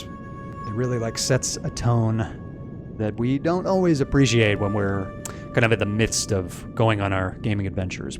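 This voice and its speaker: A man giving casual game commentary, musing aloud and explaining as he plays. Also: on the low side. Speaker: game streamer explaining game music. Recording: music playing behind the voice. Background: video game music.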